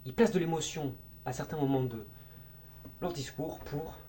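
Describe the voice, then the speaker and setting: A man with a mellow, warm voice walks through speaking advice in a relaxed, informal way. He talks with plenty of expression and now and then drops a crude word. A faint hum sits behind him. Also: fairly high pitch, moderate pace. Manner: lively, demonstrates voices and tones as he explains; informal, occasional crude slang. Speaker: video creator giving speaking tips. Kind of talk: casual explainer video.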